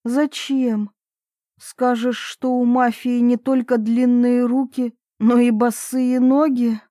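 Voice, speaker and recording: A snarky, fanciful inner voice that teases a young woman with quick sarcastic retorts, as a woman reads it for an audiobook. The voice sits fairly high and sounds close and dry. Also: level tone, mellow, no echo. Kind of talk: audiobook character reading.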